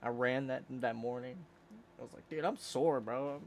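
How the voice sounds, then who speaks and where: A man's voice: mid-range voice, steady tone, normal speed, a little mellow, a little hiss or hum. A man in his twenties telling rambling, profane stories in a casual chat with friends. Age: 20s. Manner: rambling, profane storytelling, laughing often. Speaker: friend in a streamed group chat.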